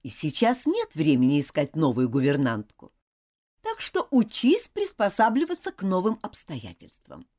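A woman voicing a stern but loving mother who scolds her daughter in a firm, lively voice. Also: deep voice, moderate pace, full character voice.

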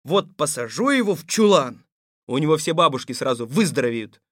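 An actor playing a stern but sensible fairy-tale tsar who speaks in a gruff, commanding way. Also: male voice, fairly high pitch, big pitch swings, a little fast, fairly bright tone, no echo, studio quality. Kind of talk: audio fairy-tale drama.

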